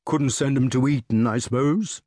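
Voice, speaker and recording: A man voicing a slow, solemn older knight who speaks ponderously and deliberately. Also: medium pitch, a little mellow, no echo, clean studio sound, lightly acted.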